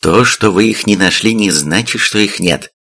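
A man's voice: low-pitched, normal speed, gravelly, fairly bright tone. A man voicing a curt, commanding military captain in an audiobook. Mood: stern.

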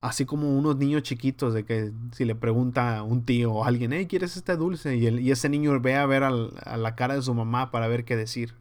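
Man, Bible study teacher, earnest, conversational preaching, middle-pitched voice. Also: a little fast, hardly any pauses, smooth. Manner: acts out scenes in lively voices.

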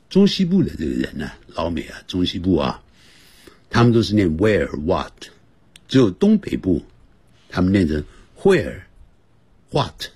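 A man teaching an English lesson on the radio. He explains grammar patiently and sounds words out slowly, several times over, to show how they should be said. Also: low voice, darkish tone, breathy edge, dry recording. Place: radio studio.

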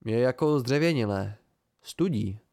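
A man doing a quiet, hesitant scribe. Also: medium pitch, animated, vocal fry, no room sound, clean studio sound. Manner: quiet, unsure. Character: hesitant, wounded adult male scribe. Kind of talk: amateur audiobook character voice.

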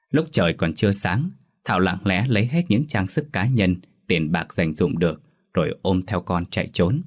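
Deep husky storytelling man. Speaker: narrator. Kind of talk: scripted ghost story narration.

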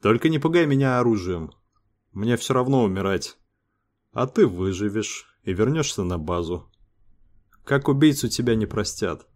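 A man's voice: on the low side, animated, moderate pace, darkish tone, lightly acted. A man voicing a bitter, indifferent male crew member who talks in a dry, sarcastic way. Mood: sardonic.

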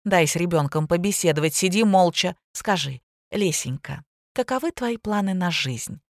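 A woman voicing a stern, calculating middle-aged school official in an audiobook, her speech firm and measured. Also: lowish voice, lively intonation, no echo, clean studio sound.

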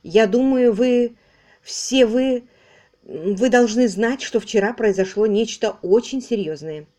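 A woman's voice: a little high, dark tone. A woman voicing a firm, composed heiress. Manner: firm, measured.

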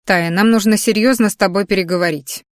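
A woman's voice: mid-range voice, steady tone, brisk, no room sound, clean studio sound, natural voice. A woman voicing a worried aunt in her late thirties who scolds and pleads with her niece in an audiobook. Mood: pleading, scolding.

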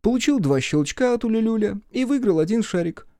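A man narrating an audiobook in a lively, expressive reading style. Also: high voice, fairly quick, no room sound, studio quality. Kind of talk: expressive storytelling.

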